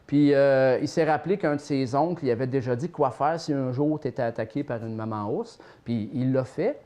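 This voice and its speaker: A man from Quebec's Mauricie region with a Québécois accent, telling family legends in a lively, playful way as an interview guest. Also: mid-range voice, moderate pace. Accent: Québécois French. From Saint-Tite, Mauricie, Quebec. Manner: lively, anecdotal, playful storyteller. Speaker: storyteller guest. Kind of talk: casual interview storytelling.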